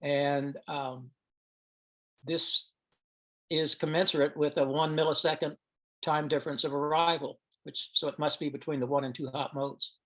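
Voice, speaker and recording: This presenter at an amateur radio science teleconference speaks informally over an online call, explaining each step and now and then reasoning aloud. He has a slightly high, somewhat bright voice, a level tone, and normal speed. The recording is rough.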